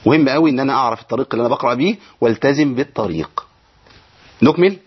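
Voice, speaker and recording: A man with an Egyptian accent teaches Quran reading in an online lesson, talking fast in a husky, fairly high voice. He breaks the rules down step by step and answers his own questions. The recording sounds dull and lo-fi. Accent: Egyptian Arabic. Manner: explains step by step, asks questions and answers them himself; recites verses slowly.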